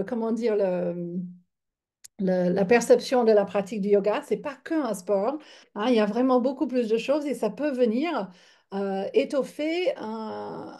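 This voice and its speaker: A woman in her fifties from Michigan, a yoga teacher giving an online lecture in a chatty, halting way with many fillers and restarts. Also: on the high side, dark tone. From Michigan, United States. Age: 50s.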